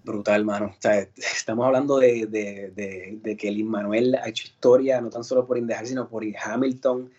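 A man's voice: lowish voice, steady tone, normal speed, few pauses, a little mellow, breathy edge, dull audio. A Puerto Rican man, an actor and singer, telling his story in a casual interview with many fillers and restarts. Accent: Puerto Rican Spanish. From Puerto Rico.

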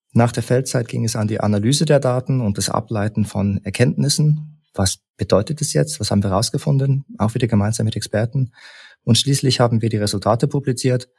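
A man from Leipzig, a researcher and lecturer, calmly explaining study results point by point as a podcast guest. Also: mid-range voice, gravelly, slightly rough. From Leipzig, Germany. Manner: measured, structured, lists points in order. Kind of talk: explanatory interview talk.

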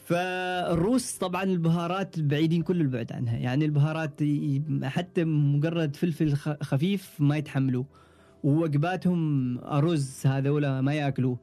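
Fast-talking Omani man telling stories. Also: fairly high pitch. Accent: Omani Arabic. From Oman. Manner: relaxed storytelling, frequent trailing restarts. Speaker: podcast guest, ship engineer. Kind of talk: casual interview chat.

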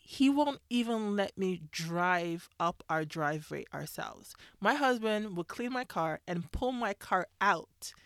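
A woman's voice: on the low side, fairly bright tone, smooth, dry recording. Woman telling a personal story, dry sound. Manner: conversational, acts out quoted voices. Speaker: speaker sharing a faith-based marriage story.

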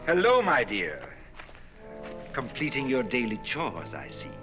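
An actor playing a scheming, pompous stowaway in a 1960s TV drama, with a theatrical, oily and flowery way of talking. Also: male voice, mid-range voice, wildly swooping pitch, a little slow, over music. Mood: wheedling. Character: scheming, pompous older male space stowaway.

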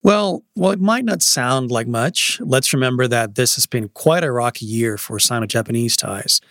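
Guy explaining news on a podcast as the guest writer, medium pitch, really dry recording. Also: moderate pace, a bit bright, dry recording. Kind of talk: explanatory news analysis in conversation.

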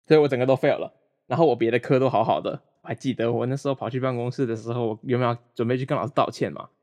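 A man's voice: medium pitch, steady tone, rapid-fire, darkish tone. A young man from Malaysia chatting casually over a remote call as a guest, rambling with frequent restarts and self-deprecating humor. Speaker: guest, former roommate.

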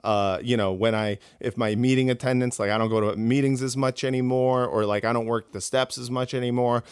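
A comedian guest in a casual interview, rambling with many fillers and restarts. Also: male voice, mid-range voice, fairly even intonation, fairly quick, clear, resonant tone, no room sound, studio quality.

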